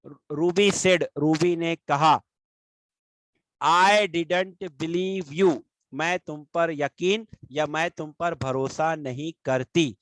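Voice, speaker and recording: A male teacher from India walks through a grammar lesson in a fairly high voice. He stretches the English example sentences out slowly so each word lands. The sound is close and dry, with no room echo. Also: steady tone.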